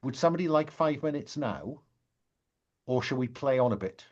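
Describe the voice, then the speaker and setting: A man acting as game master, narrating a tabletop role-playing game in a measured way with pauses, prompting the players. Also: medium pitch, expressive, darkish tone, dull audio.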